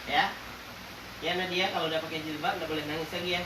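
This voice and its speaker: A man teaching a lively grammar lesson to a class, quizzing them playfully, joking, and drawing out example words slowly. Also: fairly high pitch. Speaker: religious teacher. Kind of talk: classroom lesson with call-and-response. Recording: roomy, distant classroom recording with faint noise.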